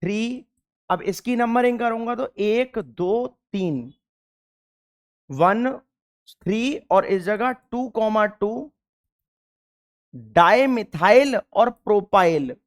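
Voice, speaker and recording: A male chemistry teacher lecturing a class, asking questions and answering them himself, and repeating key terms slowly. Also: sits high.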